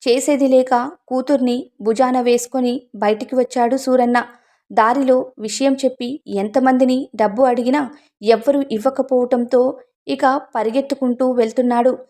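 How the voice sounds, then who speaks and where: Woman storyteller for an emotional audiobook, earnest scripted narration, voice sits high. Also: steady tone, moderate pace, warm tone.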